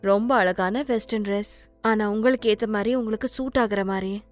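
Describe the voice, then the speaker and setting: A woman's voice: medium pitch, normal speed, faint music behind, natural voice. Woman voicing a caring young sister-in-law. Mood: reassuring. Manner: warm, reassuring.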